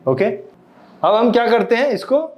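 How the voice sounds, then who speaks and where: A man's voice: extremely high pitch, animated, measured pace. A man lecturing a live class, often quizzing his listeners and mixing in English phrases. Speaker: meditation and emotions teacher.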